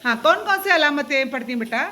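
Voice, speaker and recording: Speaking fast in a high, expressive voice that sounds pushed and bright, a female teacher leads a class of young children. She questions them constantly, makes them echo terms back, and slips English terms into what she says.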